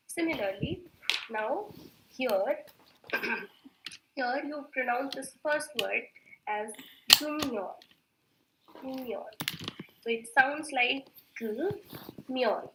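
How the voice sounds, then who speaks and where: Slow-speaking woman teacher, echoey room. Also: fairly high pitch, background noise. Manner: patient, repeats words slowly, mixes in Hindi; clears throat often. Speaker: Korean language teacher. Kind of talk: online grammar class.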